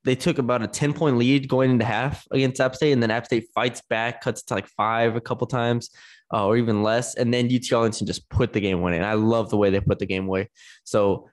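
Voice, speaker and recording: A man's voice: mid-range voice, fairly even intonation, brisk. A man co-hosting a casual sports podcast, talking enthusiastically with frequent fillers and restarts. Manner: enthusiastic, conversational, many fillers.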